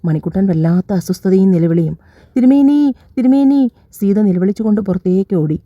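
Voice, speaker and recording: A woman narrates a scripted audio love story, reading every character's dialogue in her own, slightly raised voice. She speaks fast with a lowish pitch and fairly even intonation, and the dull, dry lo-fi recording has no echo.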